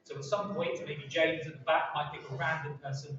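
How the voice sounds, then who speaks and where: Chatty English poet in an echoey hall. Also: male voice, on the high side, a little fast, a bit bright. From England. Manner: chatty, self-deprecating, joking asides. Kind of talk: live poetry reading with audience banter. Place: large seaside pavilion hall with audience. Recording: echoey hall, distant, dull and noisy.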